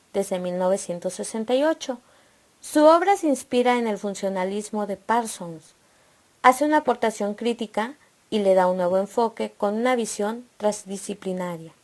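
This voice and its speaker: A woman narrating a scripted educational lesson, reading points aloud in a steady, listing manner. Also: mid-range voice. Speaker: presenter of an educational video.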